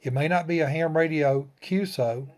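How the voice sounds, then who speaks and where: A folksy, plain-spoken man hosts a ham radio tutorial, walking through an informal step-by-step demonstration in short phrases. His voice sits fairly high, moves at a moderate pace, and sounds a little mellow.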